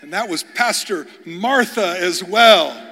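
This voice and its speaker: High-voiced preacher in a reverberant hall. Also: male voice, slow, pushed and bright, slight background noise. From Kentucky, USA. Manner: humorous, repeats words when starting sentences. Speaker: guest pastor. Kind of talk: storytelling sermon. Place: large church hall before an audience.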